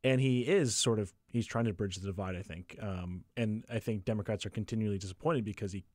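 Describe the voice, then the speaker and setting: A man appearing as a guest reporter, casually breaking down politics with quick laughing asides. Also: fairly low pitch, darkish tone, no room sound, clean studio sound. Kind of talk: casual political analysis chat.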